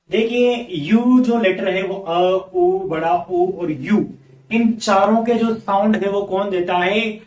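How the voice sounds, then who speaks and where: A man's voice: sits high, echoey room, far from the mic. A man teaching English sounds step by step, asking questions and answering them himself. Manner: slow, explains step by step, asks and answers his own questions. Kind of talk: spoken English phonics lesson.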